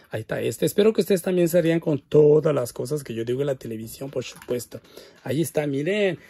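Chatty man with a gravelly, husky voice. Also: fairly high pitch, darkish tone. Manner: exclamatory, chatty, addresses viewers directly. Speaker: doll collector vlogger. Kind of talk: casual unboxing and show-and-tell.

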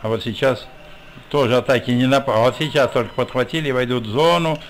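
A man of average pitch commentates informally on hockey. His phrases come in short, halting fragments. There is faint noise behind him.

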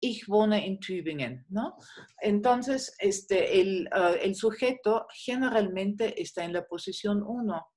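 A woman's voice: medium pitch, expressive, takes it slowly, darkish tone. A woman teaching a class, explaining step by step, patient, with many fillers. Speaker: German teacher. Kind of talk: online class lecture.

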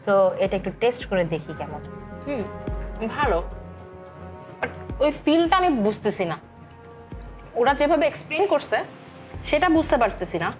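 Here the woman's voice is on the high side, with big pitch swings, a moderate pace, long pauses and a darkish tone, while soft music plays underneath. She's a Bangladeshi Bengali-accented food vlogger chatting to camera about restaurant food, dropping English words into her talk.

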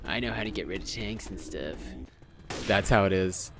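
A man giving casual, excitable commentary as he plays a shooter game with a friend. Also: sits low, moderate pace, noisy background. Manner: excitable, loud reactions and laughter. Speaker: gamer host. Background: game music and gunfire.

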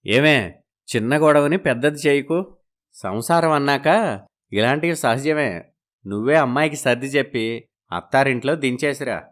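A woman doing a calm old village father, low-voiced. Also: moderate pace, pauses often. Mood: advising. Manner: steady, advising.

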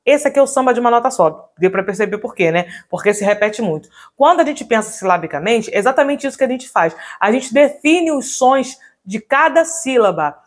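A woman's voice: a little high, animated, a little fast, hardly any pauses. A woman giving an upbeat online singing lesson as a vocal coach, often checking in with her viewers.

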